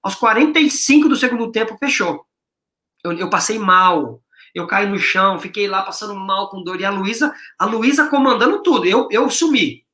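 A man, a business owner talking as a guest in a casual chat, telling stories in a slangy, excitable way and acting out the dialogue. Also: high voice, moderate pace, echoey room. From Brazil, São Paulo. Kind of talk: animated storytelling in casual chat.

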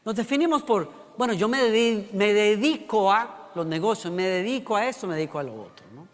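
A man's voice: high voice, animated, brisk, big-room sound. A man preaching a sermon as a pastor, telling humorous stories to make his point.

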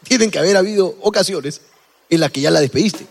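A man's voice: high voice, fairly quick, vocal fry. A man co-hosting a comedy podcast, teasing his partner with sarcastic banter. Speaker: podcast co-host. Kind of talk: comedic casual chat.

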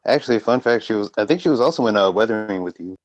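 A man's voice: fairly low pitch, animated. A man co-hosting a podcast in casual fan chat, often repeating the starts of his phrases as he goes. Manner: stammering, repeats phrase starts while rushing ahead. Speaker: podcast co-host.

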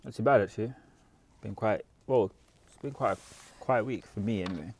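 A man's voice: fairly low pitch, fairly quick, darkish tone, breathy edge. A man, co-hosting a podcast in casual chat, talking things through at length. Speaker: podcast co-host.

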